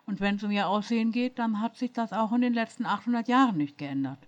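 A woman's voice: fairly high pitch, quick pace, voice pushed up, lightly acted. A woman voicing a remorseful, flirtatious male immortal who apologizes to his wife, with a dull lo-fi sound. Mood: apologetic. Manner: soothing, apologetic.

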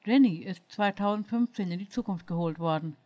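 A woman reading a German fan story aloud, voicing a patient, good-humoured young man who explains things calmly. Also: fairly low pitch, brisk, no echo, highs cut off, lightly acted. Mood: amused. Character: patient, amused young man, a calm helper.

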